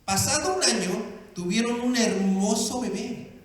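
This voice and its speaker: A man's voice: very high-pitched, expressive, a little slow. A male pastor preaching a sermon, playful and acting out the characters in his stories. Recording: echoey hall with long reverb.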